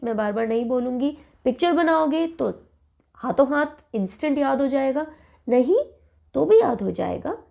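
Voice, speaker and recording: A woman teacher with a slightly high, creaky, somewhat mellow voice gives a mnemonic lesson on country capitals. She plays it up with silly memory stories and acted lines, switching between English and Hindi.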